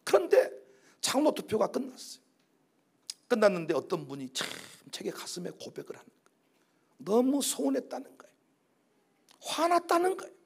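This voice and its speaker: Male pastor, sermon delivery, gravelly voice with wildly lively pitch, dramatic loud-soft contrasts. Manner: swings from loud emphatic declarations to low quiet asides; acts out quoted prayers and texts in slow dramatic voices.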